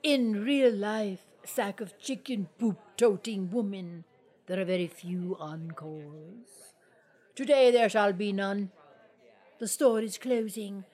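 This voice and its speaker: A woman's voice: medium pitch, slow pace, a little mellow. A woman voicing a pompous, grand female poet who recites in a lofty, declamatory way in a comic audio play. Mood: dismissive.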